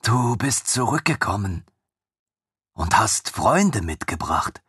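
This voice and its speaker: A man reading an audiobook, voicing a huge, ancient, chained female creature who is weary and proud, in a high, urgent, drawn-out voice. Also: sing-song, fairly bright tone, breathy edge, dry recording, studio quality, full character voice. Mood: sorrowful.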